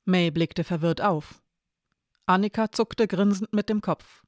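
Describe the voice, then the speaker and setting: A calm audiobook narrator reading a novel in an even, steady manner. The sound is dry and close, with no room around it, and the pitch sits in a middle range. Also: a little slow, no echo.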